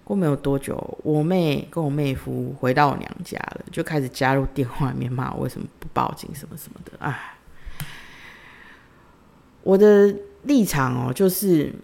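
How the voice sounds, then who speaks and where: A woman's voice: extremely low pitch, normal speed, vocal fry, a little mellow. Woman telling a personal story. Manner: conversational, retelling dialogue in her own voice. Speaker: podcast host.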